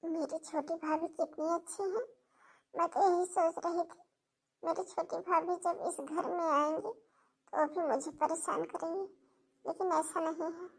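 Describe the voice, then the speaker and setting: A woman voicing a timid, mistreated young unmarried sister in a cartoon, speaking in a soft, pleading way. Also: extremely high pitch, little pitch movement, measured pace, creaky, heavily acted. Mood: relieved. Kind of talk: cartoon voice acting.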